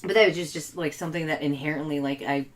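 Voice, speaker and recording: Chatty woman with a lowish voice. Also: steady tone, fast. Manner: chatty, filler-heavy, lots of "like". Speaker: podcast co-host. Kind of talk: casual chat.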